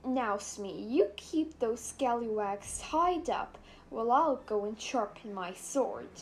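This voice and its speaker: A woman's voice: on the high side, animated, slight background noise, pitched below the performer's own voice. Captain Hook, gloating pirate captain a woman doing. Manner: slow, gloating and drawn-out. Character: scheming male pirate captain, sly and sneering.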